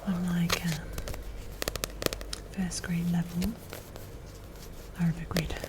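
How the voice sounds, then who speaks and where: A woman with an American accent whispers softly in a casual ASMR chat, rambling and haltingly searching for her words. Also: fairly low pitch, flat delivery, heavy background noise. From United States. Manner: soft, unvoiced whispering. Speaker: ASMR creator and host.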